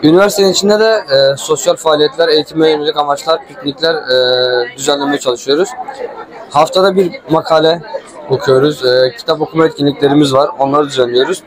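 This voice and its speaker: A young man with a slightly high voice presents a student club informally. He speaks hesitantly, in short phrases with pauses. A crowd is clearly audible around him. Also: rough recording. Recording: busy crowd chatter.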